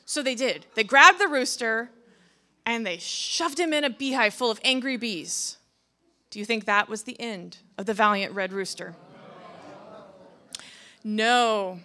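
A woman telling a children's story to a congregation, animated and inviting listeners to join in. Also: a little high.

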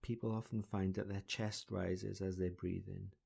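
A man leading a guided breathing exercise in a slow, soothing, deliberate voice, counting breaths. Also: sits low, level tone, gravelly, dark tone, husky. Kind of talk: calm guided relaxation exercise.

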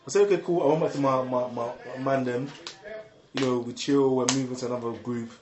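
A young man telling an excitable, slangy story with lots of repeated words and laughter. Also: medium pitch, fast talker, reverberant, crowd noise. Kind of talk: animated casual storytelling.

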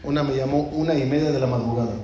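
A rabbi telling jokes to an audience, his voice jumping high when he acts out lines. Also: very fast, dull audio. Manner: lively storytelling that jumps high when acting out lines. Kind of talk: humorous talk to an audience. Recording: very echoey hall.

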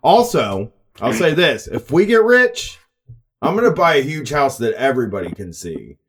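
A man's voice: mid-range voice, very animated, normal speed, slightly rough. A man in casual chat, making sarcastic jokes in a mock-serious way.

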